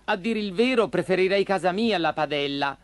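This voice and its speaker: A man's voice: sits high, expressive, fairly quick, dry recording, pitched above the performer's own voice. A man voicing a wooden puppet boy in a children's story, nervous and earnest. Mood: anxious.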